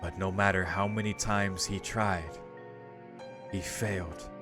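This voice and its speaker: Over game music, a male let's play host reads visual novel dialogue aloud and chats casually about it. He has a low, steady voice and an unhurried delivery.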